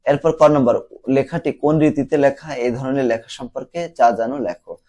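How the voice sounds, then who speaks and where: A man's voice: mid-range voice, steady tone, moderate pace, mellow. A man from Bangladesh teaching students how to answer exam questions, explaining step by step and repeating words to show their pronunciation.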